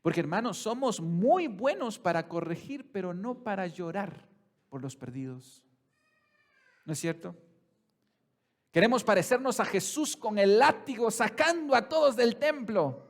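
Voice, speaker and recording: A pastor preaching with a high-pitched male voice. He puts questions to his congregation and calls them brothers. He drops to slow, quiet lines, then rises loud and high. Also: animated. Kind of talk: sermon.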